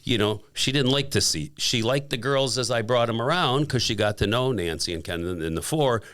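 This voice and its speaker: A man in his fifties, a podcast guest, telling a story in a casual, animated way and acting out the quotes. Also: mid-range voice, a little fast. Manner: animated, acts out quotes with laughs.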